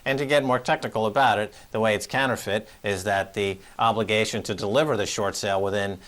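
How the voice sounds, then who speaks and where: A man's voice: on the low side, steady tone, fast, fairly bright tone. A man hosting a show, giving heated, accusatory financial commentary with strong emphasis. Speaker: show host.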